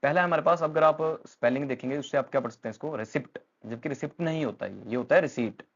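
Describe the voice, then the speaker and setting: A man with an Indian accent and a somewhat high, creaky voice races through an English pronunciation lesson given in Hindi mixed with English, yet stays patient, repeating words amid frequent fillers. The recording sounds muffled.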